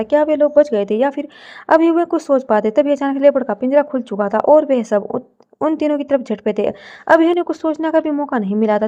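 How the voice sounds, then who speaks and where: A woman tells a dramatic romance story in a steady, storytelling manner. Her voice is high and mellow, and the recording sounds dull and lo-fi.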